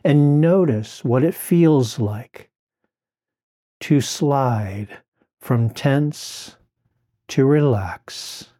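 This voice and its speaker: A man slowly guiding the listener through a relaxation exercise in a soothing, drawn-out way. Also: medium pitch, dark tone. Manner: slow, soothing, drawn-out phrasing. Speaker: relaxation guide. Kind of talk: guided relaxation script.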